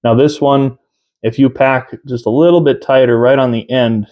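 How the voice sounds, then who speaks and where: A man in his thirties giving a casual review to camera, unhurried and halting, often pausing mid-sentence. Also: medium pitch, fairly even intonation, lo-fi sound. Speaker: tobacco reviewer. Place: small room at home, indoors.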